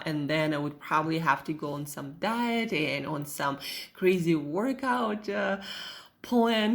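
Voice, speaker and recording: A woman with a Russian accent giving a casual motivational talk to viewers, haltingly, repeating phrases for emphasis. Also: deep voice, gravelly. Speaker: host, self-help coach.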